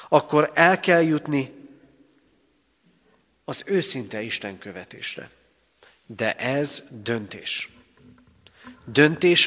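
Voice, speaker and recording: A man from Hungary delivers a sermon as pastor, stressing key words with rising emphasis and weighty pauses. His voice sits at a middle pitch. The recording carries the long reverb of a church hall. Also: fairly bright tone. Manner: emphatic preaching with pauses and rises.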